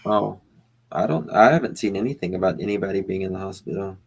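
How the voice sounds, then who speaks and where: A man's voice: sits low, steady tone, fast talker, gravelly, breathy edge. A man hosting in casual chat, matter-of-fact and terse, reading out the odd headline.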